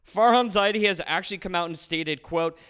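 A man with a high, smooth voice hosts a sports podcast, recorded in a garage. He addresses listeners directly with an upbeat announcer's delivery. His scripted commentary comes through clearly and resonantly. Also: a little fast, a bit bright. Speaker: podcast host.

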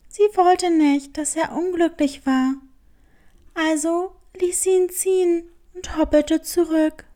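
Woman storyteller for a kids' story, high voice, slow and gentle. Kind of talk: children's storybook narration.

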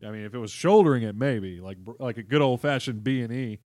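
A man's voice: medium pitch, quick pace, no echo, clean studio sound. A man hosting a comedy podcast, telling folklore stories with lots of swearing and laughter. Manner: swearing, laughing, animated storyteller. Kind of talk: casual comedic storytelling.

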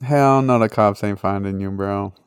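A man's voice: fairly low pitch, normal speed, clear, resonant tone, no echo. A man co-hosting a podcast, chatting casually in a blunt, dry, laid-back way. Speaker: podcast co-host. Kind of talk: casual chat.

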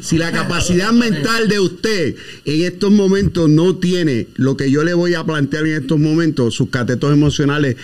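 A man who founded the podcast speaks in a grand, speechifying way, as if addressing a crowd. His voice sits a little high for a man. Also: normal speed, hardly any pauses, a little mellow. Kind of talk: casual group chat.

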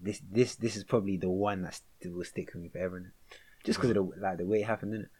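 Husky and low, this young adult man's voice comes out rapid-fire. With a London accent and lots of slang, he's chatting casually and spinning animated stories.

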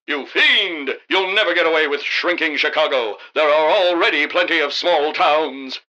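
An actor playing an earnest, bumbling, wisecracking hero in a comic radio drama, melodramatic and mock-heroic. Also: male voice, fairly high pitch, moderate pace, sharp tone, muffled recording, soft background music. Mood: defiant, cocky. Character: earnest, bumbling, wisecracking male masked crime-fighting hero.

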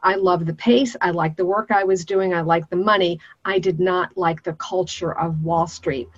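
A middle-aged woman from Brooklyn, a speech coach telling her career story as a radio guest, animated and quick to laugh. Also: fairly low pitch. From Brooklyn, New York. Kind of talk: interview storytelling. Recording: dull lo-fi line.

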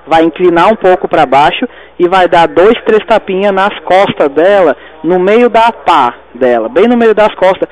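Calm emergency doctor guiding a caller. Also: male voice, high voice, low-quality recording. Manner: steady, directive, repeats instructions slowly. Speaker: emergency doctor on a phone line. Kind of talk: calm emergency phone instructions.

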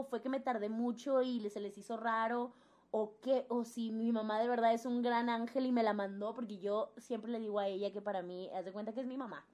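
Animated young Mexican woman telling a story. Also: on the high side. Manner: animated storytelling, acts out quoted voices. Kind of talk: casual chat.

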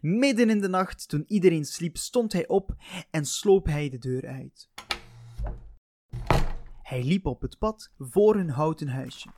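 Playful fairy-tale storyteller. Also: male voice, on the high side, animated, takes it slowly, pauses often, noisy background. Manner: playful, chatty, talks to the listener.

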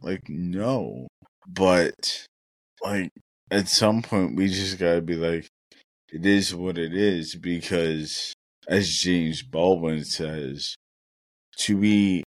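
A young man with a deep, low voice talks slowly and earnestly, thinking aloud with plenty of fillers as he co-hosts a casual podcast. His voice sounds dry and close, with no room echo. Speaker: podcast co-host.

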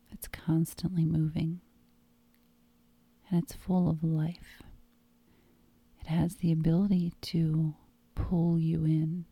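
A woman leads guided hypnosis in a very dark, mellow, breathy voice that often sinks toward a whisper. Her delivery is calm and meditative, drawn out at an unhurried, slow pace. The sound is dry and close. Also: deep voice, no room sound.

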